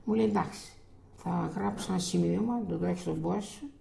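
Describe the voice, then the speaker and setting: An older woman telling a life story in a halting, rambling way, full of restarts and quoted dialogue. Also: lowish voice, mellow, slight background noise. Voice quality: gravelly. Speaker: interviewee. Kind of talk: oral history recollection.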